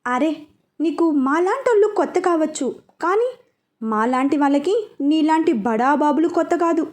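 A cocky male gangster, put on by a woman reading a story, who taunts and threatens with a boastful edge. The voice sits high and dark-toned, and every line lands as a sneering challenge. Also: expressive, moderate pace. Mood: taunting.

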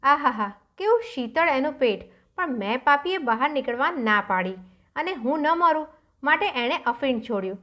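A woman's voice: high-pitched, expressive, moderate pace, pushed and bright. A woman voicing a revived male cobra who speaks with remorse in a folk tale reading, solemn and confessing. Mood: remorseful.

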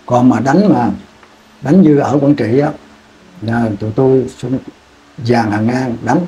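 A man's voice: mid-range voice, unhurried, warm tone, a little hiss or hum. A man, recalling his war years in an interview, rambling and repeating words as he restarts sentences. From Vietnam. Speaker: veteran interviewee. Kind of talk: oral history war recollection.

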